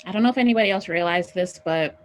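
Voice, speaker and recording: A woman's voice: on the low side, fast, slight background noise. A young woman in a casual group discussion, talking loosely with many "like"s and "you know"s.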